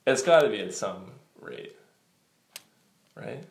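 Young male co-host, animated and playful delivery, in an echoey room. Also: lowish voice, slow pace, creaky. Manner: joking, laughs often, animated. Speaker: podcast co-host. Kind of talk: casual chat. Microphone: podcast mic. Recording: echoey room with background noise.

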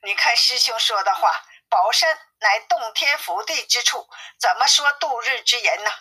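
A woman's voice: fairly high pitch, expressive, moderate pace, pushed and bright, husky, exaggerated voice, poor audio. A woman reading the lines of a greedy, pleading male pig monk in an audiobook story, in a coaxing manner.

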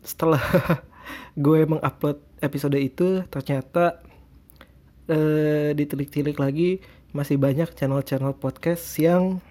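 A man with a fairly high, warm voice hosts a solo podcast, chatting casually in a hesitant, rambling, self-deprecating way. He has a speech impediment and can't pronounce his r's cleanly (cadel).

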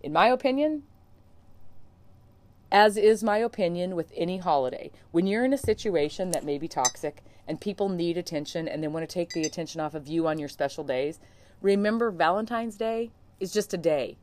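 A woman's voice: lowish voice, a little fast, a little mellow. A woman hosting her own podcast as a coach, talking straight to listeners in an earnest, encouraging, conversational way. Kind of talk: solo podcast monologue.

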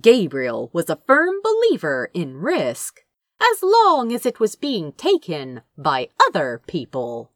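In dramatic scripted narration of a fan fiction audiobook, a woman takes her time over each phrase, her pitch rising and falling widely in a theatrical way. There's almost no room in the sound, which is dry with no room sound at all.

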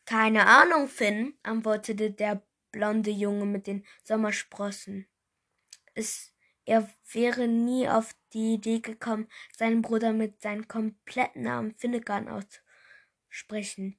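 A woman reading a children's book aloud, unpolished and stumbling over words now and then. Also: a little high. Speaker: reader.

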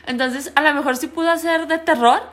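A woman's voice: sits high, fairly quick. A woman with a Mexican accent, co-hosting a podcast and telling a story in slangy casual chat, laughing as she goes. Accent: Mexican Spanish. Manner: slangy, animated, laughs while telling stories. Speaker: podcast co-host.

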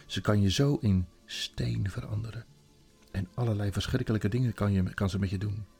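A man voicing an excited young girl, earnest and eager, with a husky, gravelly tone. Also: on the low side, moderate pace, faint music behind, heavily acted.

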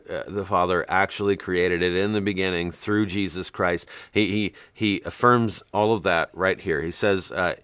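Man, very low voice, dry close sound, blunt emphatic teaching, lots of ums and restarts. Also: a bit bright, smooth, dry recording. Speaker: Bible teacher and show host. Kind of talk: teaching monologue with scripture reading.

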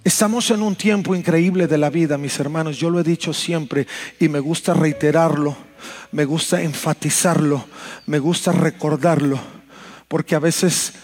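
A man's voice: fairly high pitch, fairly even intonation, moderate pace, a little mellow. A man preaching a sermon as pastor, earnest and repeating phrases for emphasis. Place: church.

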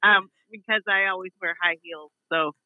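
A woman's voice: on the low side, normal speed, no echo. A woman guest chatting casually over a phone call. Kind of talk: casual chat.

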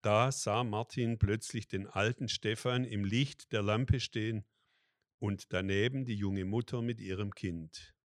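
Ein Mann liest langsam und ruhig eine christliche Adventsgeschichte vor und spricht danach einen Segen. Seine Stimme liegt eher tief und klingt trocken, ohne Raumhall. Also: male voice, fairly low pitch, dry recording, studio quality. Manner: slow, calm, devout. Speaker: story reader and prayer leader.

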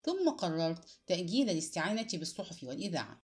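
Woman reading a crime novel aloud, dramatic, pitch all over the place. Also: fast. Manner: expressive, dramatic storytelling. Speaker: narrator. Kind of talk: dramatic audiobook narration.

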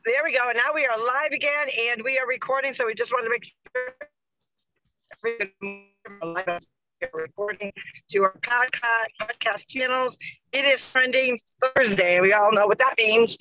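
A woman's voice: a little high, animated, normal speed, sharp tone, faint music behind, rough recording. A woman co-hosting a live podcast from a truck cab on the road, chatting casually with playful asides to her audience. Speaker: live show and podcast co-host. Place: riding in a truck cab, on the move.

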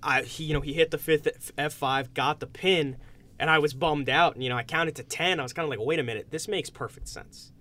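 Male podcast host, fairly high voice, casual sports-talk delivery. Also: steady tone, fairly quick, bright, forceful tone, a little hiss or hum.

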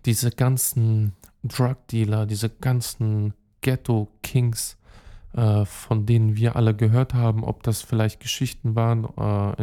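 On the low side and dark in tone, a young podcast host's voice carries his casual solo show. He speaks directly to listeners, rambling chattily with plenty of fillers, restarts, and street slang.

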